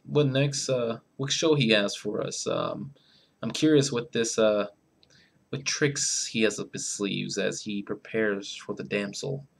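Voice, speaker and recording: A man with a fairly low voice introducing an act as host. He talks casually and rambles, stopping often on fillers. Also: creaky. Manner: rambling, full of filler words. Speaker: show host.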